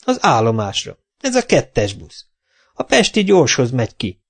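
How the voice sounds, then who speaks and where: A man's voice: medium pitch, wildly swooping pitch, gravelly, exaggerated voice. A man reading an audiobook voices a skinny, polite old park keeper who gets flustered easily. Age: older.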